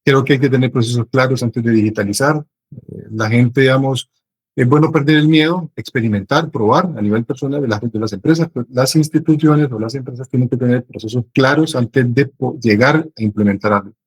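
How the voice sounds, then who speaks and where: A middle-aged man from Honduras, a business strategy consultant answering interview questions thoughtfully, with frequent pauses and restarts. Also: medium pitch, husky, poor audio.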